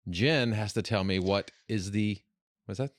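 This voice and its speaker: A man's voice: on the low side, unhurried, dry recording, studio quality. A man in his late forties co-hosting a podcast, joking in casual chat and reading headlines aloud for a game. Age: 40s. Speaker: podcast co-host.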